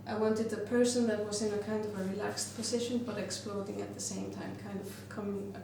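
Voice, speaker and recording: Speaking briskly and flatly in a mid-range voice, a woman from Iceland reflects on her glass art and frequently stops to find the right words. She was recorded from a distance in a very echoey, noisy space.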